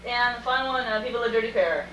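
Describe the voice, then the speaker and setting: A woman's voice: fairly high pitch, quick pace. Casual woman panelist on hissy old VHS camcorder tape, distant in an echoey hall. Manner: chatty, informal, addresses the crowd directly. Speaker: fan video creator presenting at a convention panel. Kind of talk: casual panel talk to an audience. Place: convention screening room with audience. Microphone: camcorder mic from across the room.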